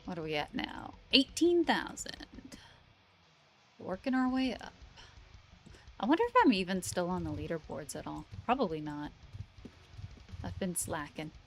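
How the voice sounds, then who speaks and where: A woman's voice: lowish voice, moderate pace, pauses often, faint music behind. A tired woman game streamer chatting casually and rambling with fillers as she wraps up her live stream. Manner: relaxed, rambling, many fillers.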